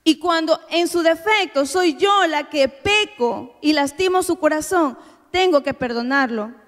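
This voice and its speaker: A woman with a high voice preaches earnestly to a gathering of women, sharing a personal testimony. Her words ring out with the long reverb of a church meeting hall. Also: measured pace, a bit bright. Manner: earnest, heartfelt preaching to the congregation. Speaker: church women's workshop speaker.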